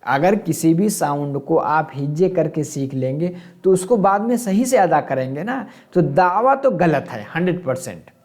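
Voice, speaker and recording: A man's voice: on the high side, animated, moderate pace, darkish tone. A man teaching an exam-prep lesson, asking questions and answering them himself and glossing terms in English.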